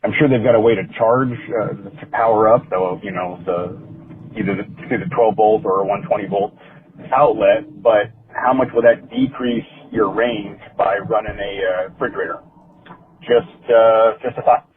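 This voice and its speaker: A man's voice: fairly low pitch, fairly even intonation, moderate pace. A man leaving a casual, rambling voicemail while driving, played back over a phone line. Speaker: caller. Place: driving in his truck. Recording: tinny distant phone voicemail.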